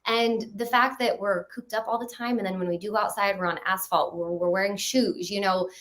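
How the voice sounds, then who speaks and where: A woman in her thirties, a guest in a casual interview, talking in a quick, animated way and often laughing. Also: medium pitch. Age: 30s. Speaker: podcast guest.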